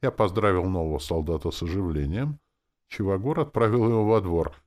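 A man's voice: low voice, brisk, darkish tone. A man narrating a fantasy audiobook in the first person, dry and offhand in tone.

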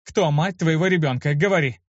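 Brief: a man doing a fiery young woman healer, raised and sharp, in a dull lo-fi recording. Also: fairly high pitch, a little fast, dry recording, pitched above the performer's own voice, natural voice. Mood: furious. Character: young woman healer, hot-tempered, accusing.

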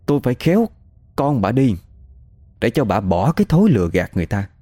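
A man's voice: mid-range voice, very animated, fairly quick, warm tone, dry recording. A man voicing the spirit of a young woman killed in a crash, accusing and indignant.

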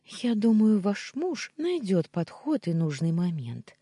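A woman voicing a shy, eager young maid in her twenties, speaking in a hushed, pleading way. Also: mid-range voice, big pitch swings, slow, husky, no room sound, clean studio sound, voice pushed up, full character voice. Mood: shy, teasing. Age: 20s.

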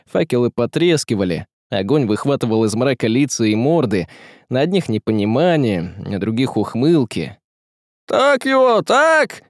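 A man's voice: medium pitch, expressive, moderate pace, warm tone, no room sound, clean studio sound. A man narrating a story as an audiobook reader, telling it expressively and voicing each character. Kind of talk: scripted narration.

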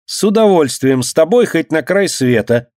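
Man voicing a pompous know-it-all boy, high-pitched, gallant, dry husky voice. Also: sing-song, normal speed, darkish tone, no room sound. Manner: indignant, gallant, affected.

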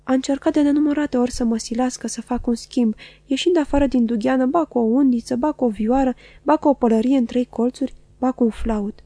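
A woman reading a classic novel aloud in a measured, even narration. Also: high-pitched, dry recording. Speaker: audiobook reader. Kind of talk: scripted literary narration.

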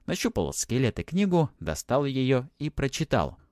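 A man narrates an audiobook with expressive storytelling, speaking at normal speed in a mid-range voice. The recording is dry, with clean studio sound.

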